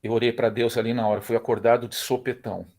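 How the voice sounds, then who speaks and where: A middle-aged man with a Brazilian Portuguese accent leads a church Bible class. His voice sits at an ordinary middle pitch. He speaks emphatically, repeats key phrases and acts out the dialogue he quotes. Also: level tone, quick pace, a little mellow. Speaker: Bible school teacher.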